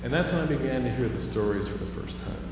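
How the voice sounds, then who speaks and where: Speaking at a quick pace in an expressive, mid-range voice, a man from Houston, Texas tells stories during a conversational chapel talk and climbs to emphatic questions before a live audience. The audio is distant and echoey, recorded in a hall, and sounds dull with hum.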